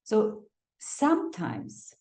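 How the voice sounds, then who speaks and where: A woman migration advisor gives animated advice full of anecdotes, telling stories, acting out the people she quotes, and laughing. She speaks at medium pitch, extremely slowly, in an echoey room.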